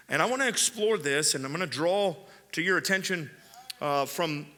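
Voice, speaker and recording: A man's voice: fairly high pitch, pushed and bright, long reverb tail. A man pastor preaching a sermon and reading scripture, emphatic, repeating key phrases for weight. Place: church sanctuary.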